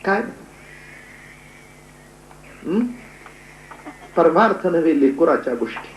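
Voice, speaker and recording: A man preaching a devotional storytelling sermon, dramatic, swinging between hushed and loud. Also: fairly high pitch, lively intonation, slow, roomy sound, highs cut off, a little hiss or hum. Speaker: kirtan preacher.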